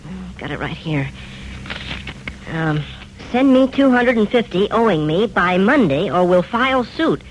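An actor playing a desperate, earnest young grandson in a 1950s radio serial, halting and deferential. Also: male voice, sits high, animated, poor audio. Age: young adult. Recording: old radio broadcast, faint noise.

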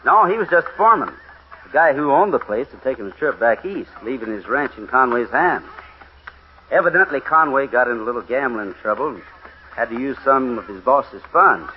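A man's voice: mid-range voice, animated, normal speed, slight background noise. A man narrating and hosting a 1950s radio western in an easygoing, folksy way, on a dull lo-fi old radio recording. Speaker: radio show host and singing cowboy narrator.

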